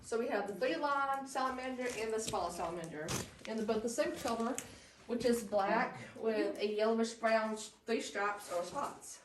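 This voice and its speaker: A woman's voice: a little high, normal speed. Woman tour guide in an echoing cave. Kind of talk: informal guided tour commentary. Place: inside a cave. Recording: echoing cave, distant mic, background noise.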